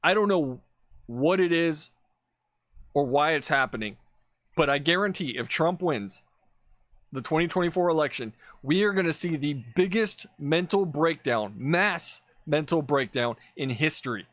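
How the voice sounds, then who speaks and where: Man commentator, slightly high voice, dry close mic, blunt profane ranting over clips. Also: lively intonation, unhurried, a bit bright, no room sound. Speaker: political commentator.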